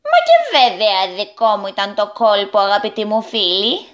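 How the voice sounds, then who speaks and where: A woman voicing a boastful, playful male goblin who calls himself a gentleman in a children's radio story. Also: medium pitch, very animated, muffled recording, close to an everyday voice. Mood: proud. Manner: proud, theatrical.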